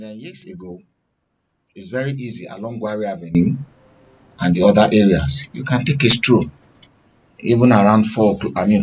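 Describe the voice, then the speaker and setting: A fairly low, husky voice belongs to a man with a Nigerian accent offering current affairs analysis as a studio guest on radio and TV. He works through his points by asking questions and answering them. The recording is dull and lo-fi.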